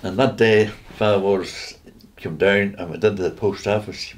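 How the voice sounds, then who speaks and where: Older Northern Irish man, low-pitched, reminisces in rambling anecdotes, faint room hum behind. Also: fairly even intonation, moderate pace. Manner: rambling anecdotes with hesitant restarts and chuckles. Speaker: interviewee. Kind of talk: reminiscing storytelling.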